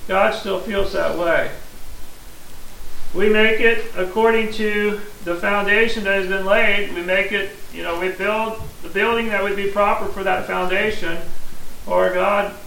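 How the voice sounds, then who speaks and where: A man from Missouri, USA, preaches a sermon in a plain-spoken, earnest way, explaining scripture step by step. His high-sitting voice is creaky, pushed and bright, with fairly even intonation and a measured pace. The recording is distant in an echoey room with faint hiss.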